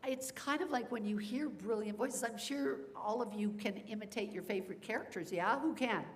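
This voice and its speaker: A woman's voice: medium pitch, moderate pace, slight background noise. A woman voice actor speaking on a convention panel, earnest and encouraging, addressing the audience directly.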